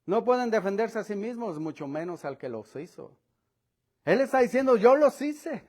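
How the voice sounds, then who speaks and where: A male pastor preaching a sermon, reading scripture aloud and explaining it earnestly, often trailing to quiet phrase endings. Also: high voice, expressive, moderate pace.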